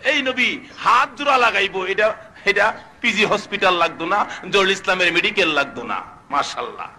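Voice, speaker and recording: Man, waz preacher, high sharp voice, shouted sing-song climaxes. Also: animated, brisk. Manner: fiery, chanting, asks the crowd questions; shouts sung climaxes, drops to soft storytelling. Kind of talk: Bengali waz sermon.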